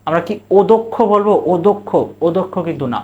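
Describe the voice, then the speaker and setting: A male teacher with a Bangladeshi Bengali accent drills students on pronunciation. He asks a question, repeats the answer, and draws out model words slowly, syllable by syllable. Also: high voice, narrow, tinny audio. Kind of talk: recorded exam-prep lesson.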